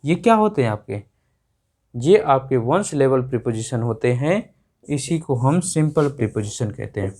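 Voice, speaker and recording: A man's voice: medium pitch, animated, normal speed, a little mellow. A male explaining grammar in a classroom lesson, repeating each point back as a question to his students. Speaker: English teacher.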